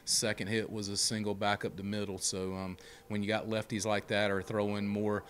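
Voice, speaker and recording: A middle-aged man speaks into a handheld mic at a postgame press conference. His voice sits low and stays level, with little rise or fall. He talks plainly and steadily with frequent fillers, over a faint room hum. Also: flat delivery, normal speed, fairly bright tone. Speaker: head baseball coach. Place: press room before a sponsor backdrop. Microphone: handheld mic held close.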